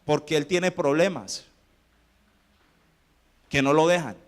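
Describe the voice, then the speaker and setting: A man's voice: on the high side, slow. A man preaching a sermon as pastor, firing rhetorical questions at the congregation. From Colombia.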